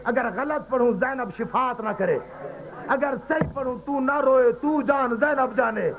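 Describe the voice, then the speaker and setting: Very high-voiced man wailing a lament. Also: rough recording. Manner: wailing, pleading, addresses listeners directly. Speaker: zakir reciting at a mourning gathering. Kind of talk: impassioned mourning recitation. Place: mourning gathering with a crowd. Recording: live gathering with crowd noise. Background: crowd of mourners.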